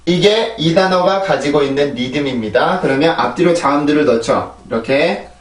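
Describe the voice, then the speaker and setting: A man with a fairly high voice teaches English pronunciation. He explains patiently and models each drill word three times in a row. The sound is roomy and echoey, with the voice set a little back from the mic. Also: normal speed, far from the mic. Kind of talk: recorded video lesson, explaining and modeling sounds.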